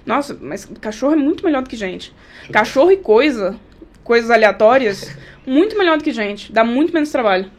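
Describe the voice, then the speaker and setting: Fairly high-pitched, expressive, and fairly quick, a woman guest tells casual stories about driving for a rideshare app. She performs the scenes and throws in sound effects along the way.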